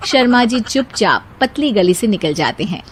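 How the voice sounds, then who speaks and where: A woman's voice: medium pitch, animated, moderate pace, background noise. A woman storyteller reading a scripted moral tale as narrator.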